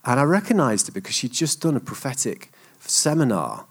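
A middle-aged man preaches from the front. He tells long personal anecdotes in a chatty, self-deprecating way. His voice sits at an ordinary pitch for a man. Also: very animated, fairly quick, slightly rough. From England. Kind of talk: sermon storytelling.

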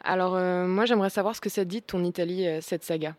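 Brief: young female host, chatty and rambling, a bit low, close dry mic. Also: quick pace, a little mellow, no room sound. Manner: chatty, many fillers and restarts, laughs along. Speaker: radio show host. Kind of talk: casual studio chat.

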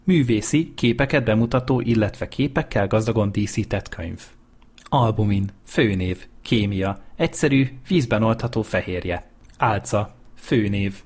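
A man reading dictionary entries aloud in a measured, list-like way. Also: fairly low pitch, darkish tone, slightly rough. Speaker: dictionary reader.

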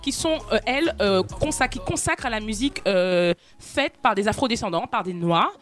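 A woman's voice: medium pitch, expressive, moderate pace, faint music behind. A woman hosting a casual chat show, thinking aloud as she talks. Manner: chatty, thinks aloud with restarts. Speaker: host.

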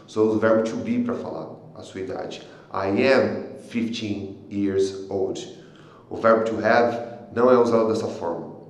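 A man with a Brazilian Portuguese accent teaching an online language lesson, often pausing on filler sounds and checking in with tag questions. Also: lowish voice, very echoey. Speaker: English teacher.

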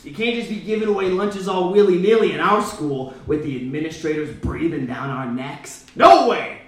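A man's voice: high voice, expressive, normal speed, fairly bright tone. A man performing a live comedy monologue as a sassy, brash, self-righteous lunch lady with campy indignation. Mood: scolding, sassy. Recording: very echoey live room, distant mic.

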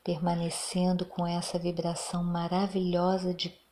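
A woman with a Brazilian accent leads a guided meditation in a soft, breathy, near-whispering, soothing voice. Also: lowish voice, monotone, moderate pace, slight background noise.

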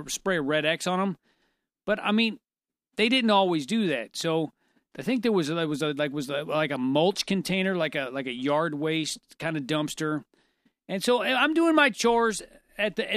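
A man co-hosting a casual chat, telling stories in an animated, self-deprecating way with frequent laughter. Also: on the high side, no room sound, studio quality. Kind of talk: casual conversational storytelling.

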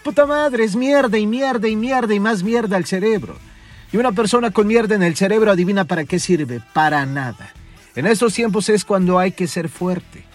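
A man's voice: sits high, normal speed, soft background music. A man hosting a podcast, delivering a profane, scolding motivational rant and mocking his listeners. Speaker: podcast host. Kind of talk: ranting motivational monologue.

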